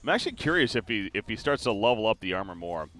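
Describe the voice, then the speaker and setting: A man casting a live competitive video game match, calling the plays quickly and getting excited at the big moments, with frequent fillers and restarts. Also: on the low side. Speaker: esports caster.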